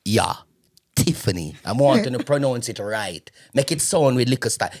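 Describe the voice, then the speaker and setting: A man with a Jamaican accent hosting a casual podcast, talking in a lively, playful way and dropping patois phrases. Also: mid-range voice, moderate pace. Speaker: podcast host.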